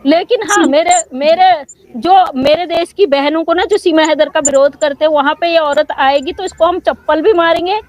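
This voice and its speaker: A woman's voice: high voice, normal speed, a little mellow, rough recording. A woman ranting angrily on a live stream, scolding and heated, saying she is a little unwell. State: slightly unwell. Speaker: YouTube commentator. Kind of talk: angry live-stream rant.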